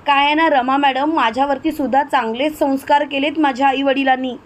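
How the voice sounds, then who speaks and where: Proud, insistent young woman, as a woman narrator puts her on; high-pitched, plain delivery. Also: fairly even intonation, brisk, natural voice. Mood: earnest.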